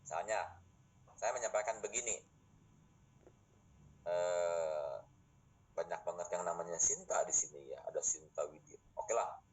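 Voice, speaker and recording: A man's voice: deep voice, a little slow, pauses often, breathy edge, low-quality recording. A middle-aged man lecturing his students in a classroom, explaining points patiently and posing rhetorical questions.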